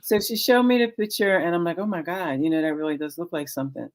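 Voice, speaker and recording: Older woman, late sixties, very low voice, halting, many ums, casual testimony, video call. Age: 60s. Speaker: guest, author and cancer survivor. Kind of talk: casual chat, personal testimony.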